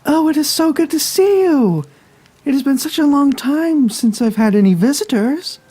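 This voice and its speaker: A man voicing the ghost of a frail old woman in a horror story, speaking sweetly and politely in a high, gentle voice. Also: expressive, moderate pace. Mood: welcoming. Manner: sweet, gracious.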